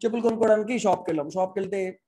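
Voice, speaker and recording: A man's voice: high voice, very fast, warm tone, low-quality recording. A man lecturing to an online class through a laptop mic, mixing English phrases into his talk and posing rhetorical questions. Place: speaking remotely to an online class. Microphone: external mic plugged into a laptop.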